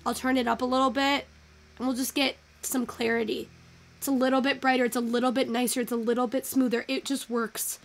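A young woman chatting casually through a photo-editing tutorial, thinking out loud and swearing now and then. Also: sits high, level tone, a little fast. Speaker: virtual photography streamer.

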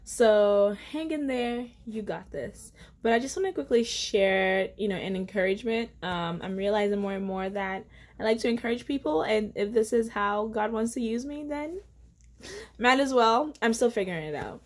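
A young faith vlogger offers casual devotional encouragement to the camera from her living room at home, earnest and chatty with many fillers. Her voice is on the high side, at a normal speed.

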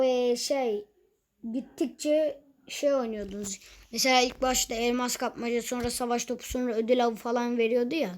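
A woman's voice: high voice, darkish tone, a little hiss or hum. A young woman talking casually over her own gameplay, chatty and easily exasperated, with teasing asides. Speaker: gaming youtuber.

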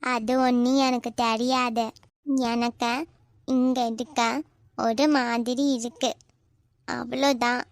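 Woman voicing a sulky high-pitched village girl. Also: flat delivery, takes it slowly, pauses often. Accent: Kanyakumari Tamil. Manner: sulky, curt, snapping retorts. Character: young village girl, sulky and sharp-tongued. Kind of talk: cartoon voice acting.

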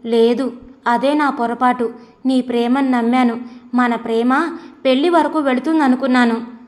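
A woman's voice: high-pitched, fairly even intonation, a little slow, darkish tone. Woman narrator doing an anxious, earnest young woman pleading with her lover in a storybook reading.

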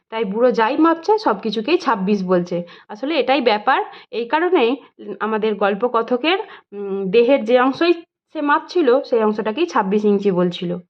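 Woman tutor, Bengali accent, higher voice; reads, then explains patiently; lo-fi recording. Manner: reads story lines aloud, then explains them plainly. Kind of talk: reading and explaining a story to students. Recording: dull lo-fi sound.

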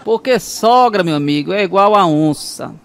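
A man's voice: sits high, expressive, moderate pace, noisy background. A man telling mother-in-law jokes, chuckling through his punchlines and acting out the voices. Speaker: stand-up comedian.

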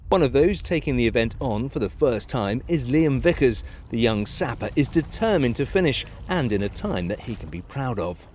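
A male news reporter giving a scripted voice-over in a measured, even delivery. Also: mid-range voice, slight background noise.

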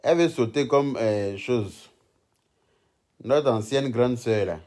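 A man's voice: mid-range voice, slow pace, darkish tone. Teasing man on a live stream. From Ivory Coast. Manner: mocking, teasing and chatty, often breaking into laughter. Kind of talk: casual live-stream commentary.

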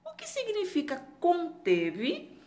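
A woman's voice: very high voice, wildly swooping pitch, slow, darkish tone. A Brazilian woman giving a lesson to young children as their teacher, posing questions and answering them. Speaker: primary school teacher.

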